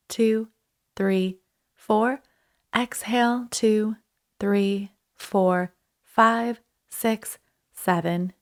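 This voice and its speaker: A woman guides a breathing meditation as an instructor. Her pace is very slow and soothing, with space between short phrases. Her voice sits at a medium pitch for a woman. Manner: soothing, unhurried instruction with pauses.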